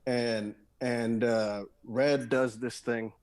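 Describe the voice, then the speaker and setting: A man's voice: mid-range voice, flat delivery, drawn-out words, a little mellow. Rambling, laid-back man talking shop. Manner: rambling, many fillers and restarts, says "dude". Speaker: guest guitarist and songwriter. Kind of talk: casual podcast conversation.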